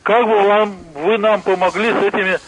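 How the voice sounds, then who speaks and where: A man's voice: high voice, fairly even intonation, normal speed, fairly bright tone, slight background noise. A man calling in to a radio show over a phone line, asking polite but insistent questions about problems at home. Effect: heard over a phone line into the studio.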